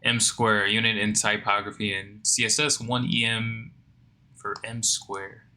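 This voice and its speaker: A man's voice: lowish voice, level tone, a little slow, crowd noise. A man working through a coding lesson, reading the text aloud and then puzzling over it in a sleepy, think-aloud way. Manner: reads lesson text aloud, then muses and questions himself. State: sleepy, yawning. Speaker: coding learner.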